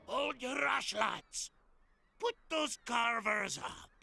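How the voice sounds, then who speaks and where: An actor playing a gruff, boisterous old pirate captain in a cartoon, talking like a salty, theatrical old fisherman, sly and greedy. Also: very high voice, lively intonation, takes it slowly, exaggerated voice. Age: older. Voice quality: gravelly. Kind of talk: animated cartoon acting. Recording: music behind the voice.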